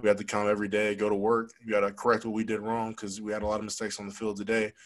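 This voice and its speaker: The audio is poor: a young man who plays college football talks to reporters at a post-game press conference through a desk microphone on a stand. His voice is lowish and monotone. Set against a logo backdrop in the press room, he answers in a frank, rapid, conversational way, full of fillers.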